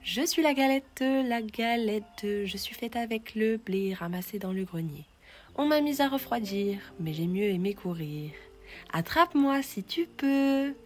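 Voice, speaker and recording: A woman voicing a proud, playful little round cake that chants its teasing song in a high, stretched sing-song. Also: big pitch swings, unhurried, hardly any pauses, darkish tone, soft background music.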